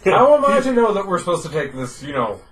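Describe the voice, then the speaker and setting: Animated man with dry, argumentative humour. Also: high-pitched, fast. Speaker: tabletop game player. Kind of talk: casual table banter.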